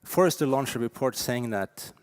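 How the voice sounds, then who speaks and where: A man in his forties with a Norwegian accent delivers a conference keynote from the stage. His voice sits at an average pitch and sounds dry and close, with little room around it. He talks emphatically, punching key words and dropping in fillers as he goes. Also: normal speed, clear, resonant tone, no echo. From Norway. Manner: lively, emphatic, with frequent fillers. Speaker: keynote speaker.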